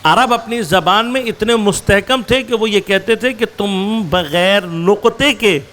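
This religious lecture comes from a man whose voice is notably high and fairly bright, a scholar speaking before a gathered crowd. He asks himself rhetorical questions and supplies the answers, illustrating with examples through deliberate, stressed phrases and brisker bursts.

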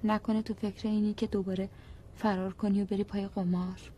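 A woman's voice: mid-range voice, little pitch movement, mellow, slight background noise, natural voice. An actress playing a worried wife who keeps pressing her brooding husband to say what is wrong, in a broadcast drama. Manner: persistent, coaxing.

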